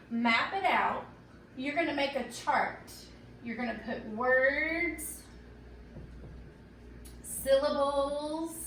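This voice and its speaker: A high-pitched woman teacher walks young kids through a reading lesson, slow and patient, pausing to check in with "okay?" again and again. She sounds some way off from the mic in an echoey room, with a faint hiss underneath. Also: recorded from a distance. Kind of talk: recorded tutorial for young students.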